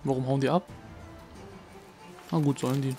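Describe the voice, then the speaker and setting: A man's voice: mid-range voice, fairly even intonation, moderate pace, warm tone. A young man casually commenting on his gameplay, swearing and mocking himself while talking to the game. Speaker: let's play gamer. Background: game music.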